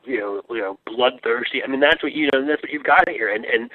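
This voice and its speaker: A man appearing as a guest on a political talk show who speaks heatedly and haltingly, repeating words before he lands his point. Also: medium pitch, no room sound. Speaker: guest commentator. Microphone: phone line. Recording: tinny phone line.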